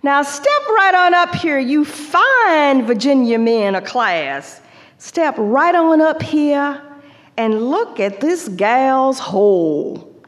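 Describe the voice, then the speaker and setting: A woman's voice: high voice, big pitch swings, slow, voice pushed up, exaggerated voice. A woman voicing a brash male auctioneer in a performed poem, with coarse, barking sales patter. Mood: leering, loud. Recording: long hall reverb.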